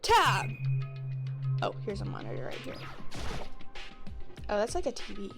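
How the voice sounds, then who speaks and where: A woman's voice: medium pitch, big pitch swings, normal speed, creaky. A woman streaming a video game, reading the dialogue aloud with playful voices and chatty asides. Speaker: let's play streamer. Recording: music behind.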